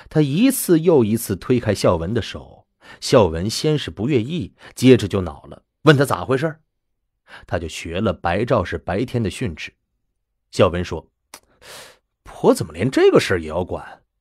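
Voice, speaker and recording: A man narrating a novel as an audiobook, telling the story slowly and expressively. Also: fairly low pitch, big pitch swings, a little mellow, no echo, studio quality.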